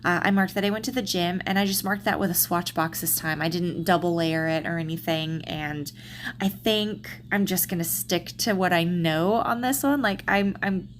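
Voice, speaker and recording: A planner vlogger from Texas, USA, with a Southern accent chats casually through a voiceover, full of ums and restarts. Her voice is lowish and slightly congested, at a moderate pace, with a little hiss or hum in the audio.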